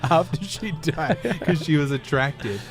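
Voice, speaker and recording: A man's voice: on the high side, animated, a little slow, over music. A man with an Australian accent co-hosting a podcast in casual chat, crude and profane and laughing often. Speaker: podcast co-host.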